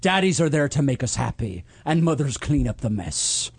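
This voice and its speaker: A man's voice: medium pitch, sing-song, normal speed, husky, no echo. A tipsy man hosting a comedy podcast in a hammy pirate persona, slurring a little as he banters. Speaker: podcast host.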